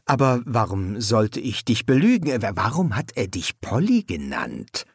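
A man's voice: mid-range voice, very animated, normal speed, breathy edge, no echo. Guy doing a jittery young scribe, stammers and ums, raised voice, dry sound. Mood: nervous. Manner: hesitant, full of "uh" and stammers. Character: nervous young male scribe who stammers. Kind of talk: audiobook character voice.

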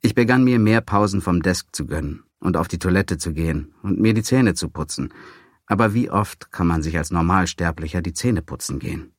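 A man reading a first-person story aloud, dry and wry in a calm, measured way. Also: low-pitched, dry recording. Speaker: audiobook narrator. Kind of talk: scripted first-person narration.

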